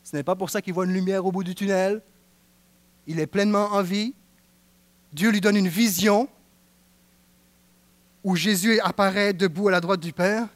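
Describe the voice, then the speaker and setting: A man preaching a sermon with a Quebec French accent, swinging from hushed passages to fervent exclaiming. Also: sits high, fairly even intonation, moderate pace, long pauses, no room sound. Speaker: pastor.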